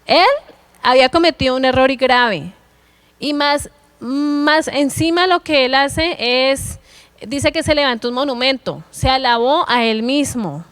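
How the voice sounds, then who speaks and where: High, smooth-voiced woman preacher. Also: a little slow, fairly bright tone, no room sound. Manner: earnest, exhorting young listeners with repeated phrases. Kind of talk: sermon.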